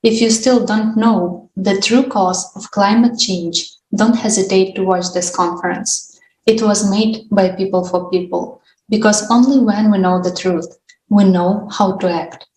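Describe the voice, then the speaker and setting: A woman co-hosting an international online discussion reads out scripted announcements in a medium-pitched, fairly even voice. She speaks a little slowly with a slightly mellow tone, in an echoey room with background noise.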